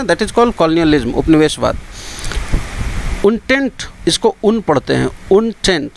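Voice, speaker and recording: A man with an Indian accent teaching English vocabulary for competitive exams. He explains each word in Hindi and repeats the English words slowly to drill their pronunciation. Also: a little high, rough recording. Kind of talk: vocabulary lesson for exam prep.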